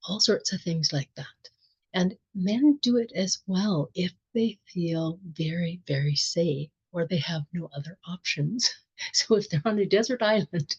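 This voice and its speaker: A middle-aged woman giving a reflective spiritual talk, gentle and thoughtful, with soft laughs and pauses. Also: fairly low pitch, breathy edge, muffled recording. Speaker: spiritual teacher.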